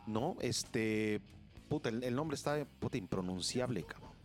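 A young man with a Mexican Spanish accent hosting a radio show, telling a story in casual, crude and animated slang and acting out the voices of the people in it. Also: mid-range voice, measured pace, faint music behind.

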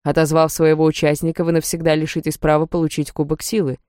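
A woman voicing a formal, anxious older male rector who speaks in slow, measured words, read as an audiobook character. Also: deep voice, little pitch movement, darkish tone, no echo, studio quality, voice pushed down, lightly acted. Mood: worried.

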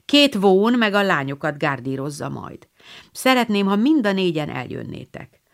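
A woman's voice: medium pitch, sing-song. A woman reading out a jaunty, playful note as a cheerful teenage boy.

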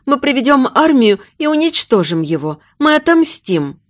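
A woman's voice: high-pitched, very animated, normal speed, no echo, clean studio sound, voice pushed up. A woman voicing a desperate young queen who pleads in a raised voice, near tears. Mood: frantic.

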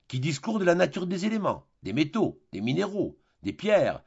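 A man's voice: a little high, big pitch swings, normal speed, creaky, darkish tone, slightly rough, lo-fi sound, heavily acted. A man voicing a long-winded, pedantic male philosophy tutor who lectures methodically, in an audiobook reading of a classic play. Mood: lecturing. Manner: didactic, lecturing, listing terms methodically.

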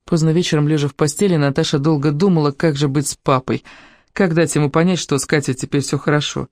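An audiobook narrator telling a story in a calm, even way. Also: mid-range voice, quick pace, dry recording, studio quality. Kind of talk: scripted narration.

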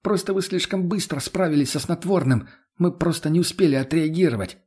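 A man reading an audiobook, voicing a frightened, shaken teenage captive who speaks in short, halting bursts. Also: on the high side, darkish tone, slightly rough, pitched above the performer's own voice. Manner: fast, halting, pleading.

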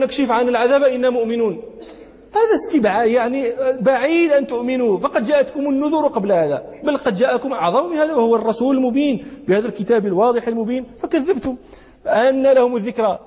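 High-voiced husky man teaching, reverberant hall. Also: darkish tone. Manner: explains through rhetorical questions, checks listeners with short prompts; slows into a lower tone when quoting verses and poetry. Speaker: sheikh teaching hadith commentary. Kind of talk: classical religious lesson.

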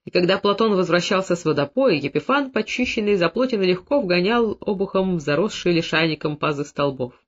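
High-voiced man reading an audiobook. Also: expressive, fairly quick, few pauses. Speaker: narrator. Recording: dull lo-fi recording.

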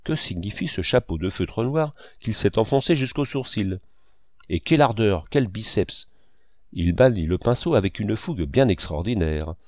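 A man voicing a tender, anxious young man from a novel, musing softly to himself. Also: fairly low pitch, lively intonation, normal speed, no echo, studio quality, lightly acted. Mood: suspicious.

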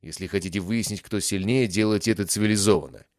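A man voicing a calm, firm male mentor who speaks in a measured way. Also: on the low side, no room sound, studio quality, lightly acted. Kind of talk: audiobook character voice.

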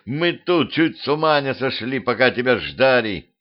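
A man doing a gruff, blunt cemetery watchman. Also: medium pitch, animated, moderate pace, lo-fi sound, lightly acted. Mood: agitated.

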